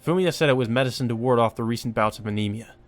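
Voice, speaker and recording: A let's play host fires off visual novel narration at a rapid clip in a medium-pitched voice. He adds laid-back, occasionally crude asides, with game music in the background.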